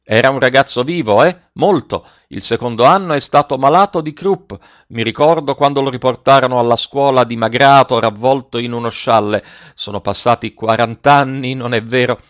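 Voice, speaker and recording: A man's voice: mid-range voice, fairly bright tone, no room sound, natural voice. A man voicing a frail old retired male schoolmaster with a slightly trembling but full voice, courteous and wistful, in a dull lo-fi recording. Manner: courteous, wistful, slow remembering.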